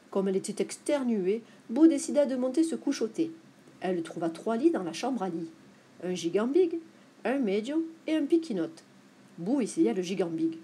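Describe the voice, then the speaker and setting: A woman's voice: on the high side, a little hiss or hum. Woman reading a children's story aloud. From France. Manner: playful, expressive storybook reading. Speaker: library storyteller.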